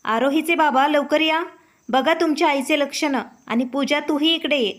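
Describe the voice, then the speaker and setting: A woman doing a sharp-tongued scolding wife. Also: high-pitched, brisk, natural voice. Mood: shouting. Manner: loud, accusing.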